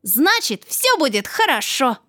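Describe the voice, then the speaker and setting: A woman storyteller voicing a gentle, dreamy snowman in a children's tale, soft and earnest. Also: high voice, sing-song, a little slow, dry recording, clean studio sound, pitched above the performer's own voice, exaggerated voice. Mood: wondering. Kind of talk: storybook character voice.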